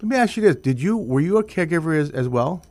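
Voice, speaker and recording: A man's voice: on the high side, lively intonation, fast talker, a little mellow, no room sound. A man hosting a radio interview, talking earnestly with stumbling restarts. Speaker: radio host.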